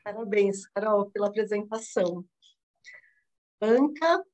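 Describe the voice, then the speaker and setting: A woman's voice: medium pitch, measured pace, darkish tone, low-quality recording. A woman hosting an online demo day, upbeat and encouraging. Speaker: event host. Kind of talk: hosting a live online event. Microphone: video call.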